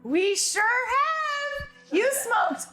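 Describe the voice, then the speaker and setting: A woman player in a tabletop game with a very high, bright voice. She chats playfully, stretching out excitable reactions over faint music. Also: very slow. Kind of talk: casual playful game chat.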